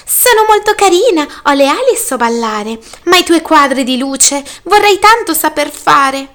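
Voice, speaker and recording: Storybook moth, dainty female, sing-song and bright, woman reading. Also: very animated, normal speed. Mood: admiring. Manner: high, sing-song and sweet.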